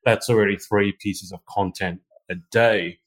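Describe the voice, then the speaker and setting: Deep-voiced man hosting a podcast. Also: steady tone, normal speed. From Australia. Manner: chatty, thinks aloud, frequent restarts. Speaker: podcast host. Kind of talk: conversational interview.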